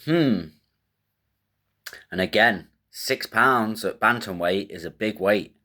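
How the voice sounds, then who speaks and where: A man's voice: fairly low pitch, slow, bright, forceful tone. A man hosting a casual fight-betting show, thinking aloud in a rambling, slangy way with casual swearing.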